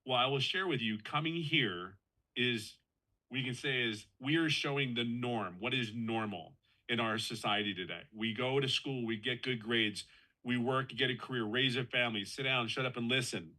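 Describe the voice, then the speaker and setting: A man's voice: mid-range voice, normal speed, sharp tone, poor audio. A man in his fifties sharing his personal story as a guest on a live call, earnest and conversational, often restarting and repeating himself for emphasis. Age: 50s.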